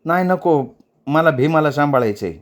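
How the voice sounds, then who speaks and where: A man voicing a small, curious and outspoken village girl in a raised childlike pitch for a storytelling reading. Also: lively intonation, moderate pace, close to an everyday voice.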